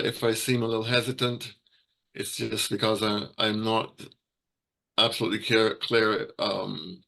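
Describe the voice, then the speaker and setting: A man from Barbados speaks as a guest presenter in a low, flat, gravelly voice. He talks haltingly, restarting phrases and filling pauses as he goes. It sounds like a video call. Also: poor audio. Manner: halting, many fillers and restarts. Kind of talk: hesitant informal presentation.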